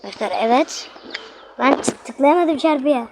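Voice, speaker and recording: A woman's voice: high-pitched, normal speed, background noise. A woman giving casual gameplay commentary, chatting to her viewers and bursting out in frustration when she fails. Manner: chatty, addresses viewers constantly, loud frustrated outbursts. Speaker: gaming video host.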